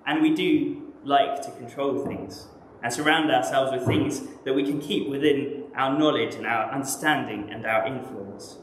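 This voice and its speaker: A man with an English accent preaching a sermon in a measured, reflective way, often posing rhetorical questions. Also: medium pitch, echoey room, slight background noise, poor audio. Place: church.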